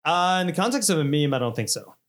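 A man's voice: on the high side, sing-song, fast, a bit bright. A man, hosting a casual podcast chat, rambling and self-deprecating with frequent laughs. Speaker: podcast host.

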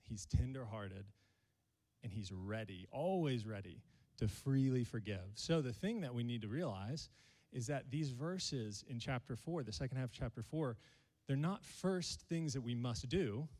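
A man's voice: mid-range voice, animated, a little slow, a little mellow, long reverb tail. A male pastor, preaching a sermon to his congregation and joking with them. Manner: playful, jokes with the congregation.

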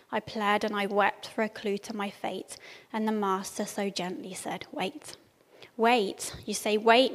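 A woman speaks to a church in a calm and gentle way, earnest and devotional. Her intonation stays fairly even, and a long hall reverb trails behind her words. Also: mid-range voice. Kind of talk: reciting a devotional poem and praying aloud. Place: large church room.

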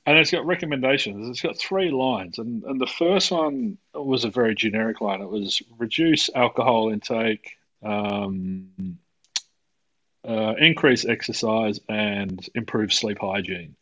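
A man's voice: lowish voice, unhurried, pushed and bright, highs cut off. An Australian man, a podcast co-host, telling a rambling, laid-back story in casual chat.

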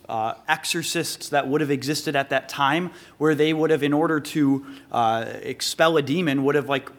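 A man preaching a sermon, reading scripture aloud and explaining it verse by verse, slowing to stress key words. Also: on the high side, fairly bright tone. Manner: earnest expository preaching, reads scripture then explains it. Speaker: pastor.

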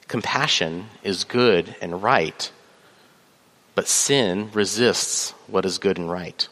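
Reading scripture aloud and pausing on fillers, a lowish-voiced pastor preaches in a measured manner. His tone is fairly bright, and his words trail off in a long, church-hall reverb.

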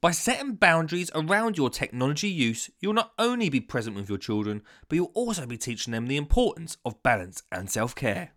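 A man's voice: on the high side, very animated, brisk, hardly any pauses, fairly bright tone. A man hosting a gardening podcast, talking in an upbeat, chatty way with scattered ums. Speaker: podcast host, gardening educator. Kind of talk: casual podcast chat.

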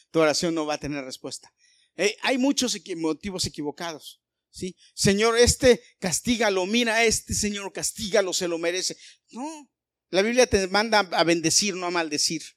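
A male pastor preaching a sermon, animated and full of rhetorical questions aimed at the congregation. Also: on the high side, no echo.

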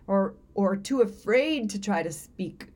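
A woman's voice: medium pitch, lively intonation, a little slow, a little mellow. A woman with a Southern accent, co-hosting a casual podcast chat, earnest and rambling with restarts.

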